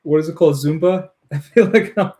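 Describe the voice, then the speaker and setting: Livestream host, man from Ukraine; mellow, dark tone, easygoing chatter with frequent laughs. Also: fairly high pitch, fairly quick, slight background noise. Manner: friendly, chatty, laughs often while building. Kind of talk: casual chat with live viewers.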